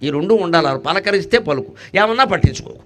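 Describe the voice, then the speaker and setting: A man giving a devotional discourse, joking, asking rhetorical questions and chanting Sanskrit verses, swinging between loud bursts and soft asides. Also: high voice, animated, fast talker. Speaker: spiritual discourse speaker.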